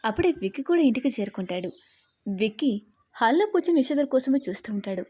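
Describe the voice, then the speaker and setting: A woman narrating a dramatic serial story in a steady storytelling manner. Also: on the high side, fast.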